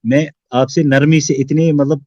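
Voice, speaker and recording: Brief: mellow-voiced man caller, hesitant, repeats himself, dull dry audio. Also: a little high, little pitch movement, no echo. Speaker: debate caller. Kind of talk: live debate call.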